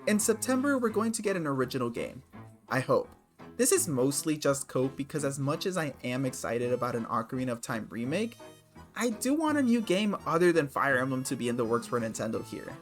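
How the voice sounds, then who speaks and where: A man's voice: mid-range voice, sing-song, fairly quick, faint music behind. A man casually talking through his gaming predictions, sarcastic and swearing freely. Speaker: gaming video creator.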